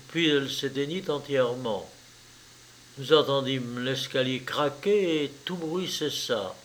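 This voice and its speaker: A man narrating a novel as an audiobook, steady and measured. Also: mid-range voice, slight background noise. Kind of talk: scripted narration.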